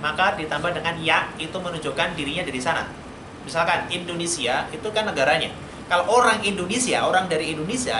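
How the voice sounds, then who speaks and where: A man teaching Arabic in a mosque, quizzing his students in a call-and-response lesson. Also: a little high. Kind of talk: classroom lesson. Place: mosque study room. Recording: roomy hall, noisy room recording.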